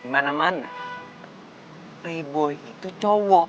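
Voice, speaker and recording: A man's voice: a little high, fairly bright tone, lo-fi sound, soft background music. A young actor with a Jakarta accent playing a blunt, hot-tempered male driver who talks in brash slang. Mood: irritated. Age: young adult. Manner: quick to snap, brash slang.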